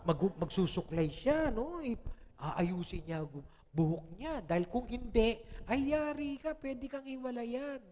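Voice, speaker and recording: A man's voice: very high-pitched, a little mellow, big-room sound. A Filipino man preaching a sermon as pastor, chatty and joking, laughing often and checking in with the congregation. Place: church hall.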